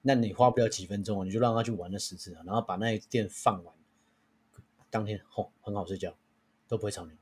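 A man's voice: fairly low pitch, steady tone, fast, a little mellow, slight background noise. A young adult man with a Taiwanese Mandarin accent, a podcast host chatting casually and telling stories with many restarts and fillers. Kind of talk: casual chat.

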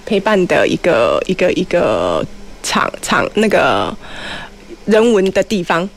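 A woman's voice: lowish voice, huge pitch swings, unhurried, a little hiss or hum. A middle-aged woman with a Taiwanese Mandarin accent, explaining things casually and chattily, slipping into Hokkien and asking rhetorical questions. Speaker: community college teacher, guest speaker. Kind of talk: casual explanatory talk on a show.

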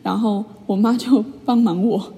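A young woman, chatting in a vlog as she retells a personal story with lively, filler-filled asides. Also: medium pitch, normal speed, breathy edge, big-room sound. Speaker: vlogger. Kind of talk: casual storytelling monologue.

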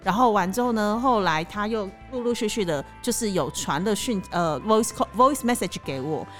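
A woman, co-hosting a casual chat show and telling a story with animated, teasing delivery. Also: mid-range voice, moderate pace, faint music behind. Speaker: podcast co-host.

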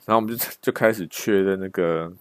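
A man's voice: deep voice, fast talker, no echo. A young man, casually telling a story with lots of restarts and slang.

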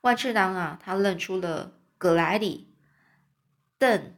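一位带台湾口音的女士，为孩子朗读章节小说，语速平稳、音高适中，常停下来用口语解释生词，像在床边讲故事。. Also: female voice, mid-range voice, takes it slowly. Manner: explains words to young listeners, chatty asides. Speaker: storyteller. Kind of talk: reading a children's novel aloud.

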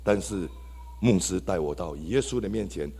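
A man with a Taiwanese Mandarin accent tells his testimony to a congregation, his low, husky voice leaping up and down with exclamations. The sound rings with the long reverb of a church hall. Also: moderate pace. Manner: animated, exclamatory, addresses the congregation. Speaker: church member giving testimony. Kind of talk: testimony sermon.

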